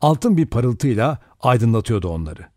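A man narrating a novel aloud in a measured, expressive way. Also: mid-range voice, no room sound, studio quality. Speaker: audiobook narrator. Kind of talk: scripted storybook narration.

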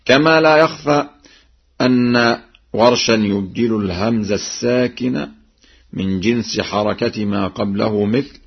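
A man teaching variant Quran readings on an archival radio broadcast. He explains each point, then chants the verse examples slowly. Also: fairly low pitch, husky, muffled recording. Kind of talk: radio lesson on recitation variants.

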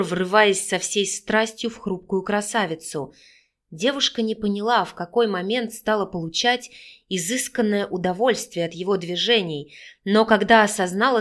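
A woman narrates a romance audiobook in an expressive, steady reading voice. Her pitch sits in a middle range for a woman. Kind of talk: scripted narration of a romance novel.

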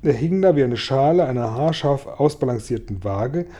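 A man reading a children's book aloud with lively storytelling. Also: mid-range voice, normal speed. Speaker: audiobook reader.

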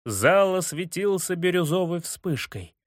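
A man narrating a children's audiobook in a lively, expressive storytelling manner. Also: sits high, a little slow, dry recording, studio quality. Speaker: audiobook reader.

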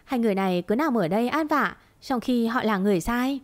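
A woman voicing a hot-tempered male cart pusher in a storybook reading, defensive and gruff. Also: fairly high pitch, expressive, fairly quick, no echo, lightly acted.

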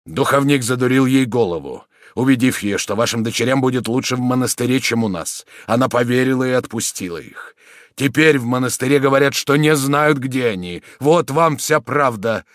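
A man's voice: medium pitch, normal speed, no room sound, studio quality, pitched above the performer's own voice, natural voice. A man reading an audiobook voices a loyal old soldier confessing his fault firmly. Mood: resigned. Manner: firm, confessional.

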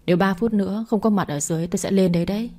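A woman's voice: medium pitch, very fast, warm tone, close to an everyday voice. A woman reading the lines of a brusque, domineering man in a storybook reading, in a curt, commanding way.

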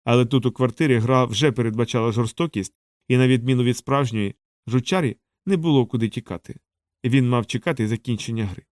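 A man narrating an audiobook in a steady, measured storytelling voice. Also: medium pitch, dry recording, studio quality.

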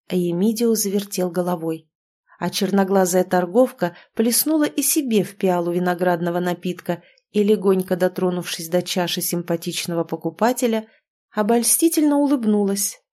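A woman reading a dark fantasy story aloud in a measured, dramatic way. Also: mid-range voice. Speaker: narrator. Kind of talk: audiobook fantasy narration.

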